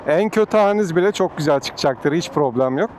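A motorbike taxi rider talks from inside his helmet in a polite, chatty motovlog style while riding through city traffic. His voice is fairly high with lively intonation, and he speaks fast. Loud engine, wind and street noise fill the recording.

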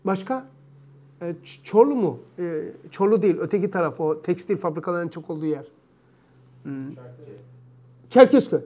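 High-voiced, animated male religious teacher. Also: normal speed, pauses often. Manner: animated, emphatic retelling with repeated phrases. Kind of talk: storytelling lesson.

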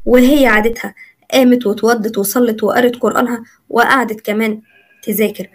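A woman's voice: on the high side, steady tone. A woman storyteller with an Egyptian accent, narrating a serialized romance story. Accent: Egyptian Arabic. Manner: rapid, running commentary.

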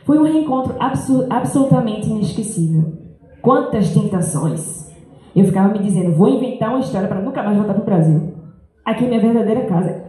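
A woman's voice: mid-range voice, mellow. Earnest woman reading a talk in an echoey hall. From Brazil and France. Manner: earnest, reflective, reads from paper. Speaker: speaker giving a school talk. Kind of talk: reading a personal talk aloud. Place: large school hall, indoors. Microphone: handheld mic.

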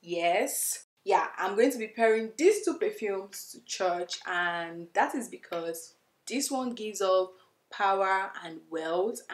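Slow, emphatic woman vlogging. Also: lowish voice. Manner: chatty and emphatic, addressing viewers as "you guys". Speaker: beauty vlogger. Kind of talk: casual perfume review to camera. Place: indoor room, plain wall. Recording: echoey room.

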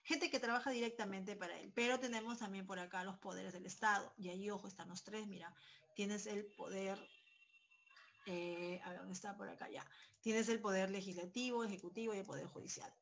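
A woman with a Peruvian accent teaches a virtual class, talking into a close headset microphone at home. She keeps checking in with her students through frequent tag questions. A faint hiss and occasional clicks sit behind her mid-pitched voice. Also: fairly even intonation, a little fast. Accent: Peruvian Spanish. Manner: talks to students with many tag questions and fillers. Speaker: pre-university civics teacher. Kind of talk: online class lecture.

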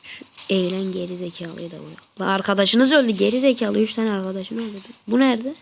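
A woman with a flu-blocked, congested nose giving casual gameplay commentary, muttering to herself and then yelling excitedly at the game. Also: medium pitch, fairly quick, gravelly, slight background noise. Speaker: gaming channel host.

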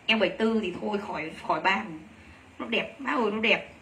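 A woman selling clothes on a livestream, talking rapidly and gushing over each piece while teasing her helpers. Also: mid-range voice, sharp tone, slight background noise. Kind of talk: live sales pitch.

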